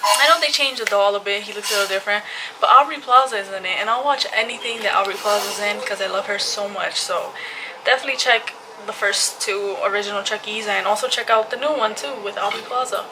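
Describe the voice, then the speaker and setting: A woman's voice: medium pitch, quick pace, over music, poor audio. A young woman vlogging casually and enthusiastically, a little out of breath as she talks. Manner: chatty, enthusiastic, says freaking and like a lot. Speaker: YouTuber. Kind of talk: casual vlog chat. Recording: noticeable background noise.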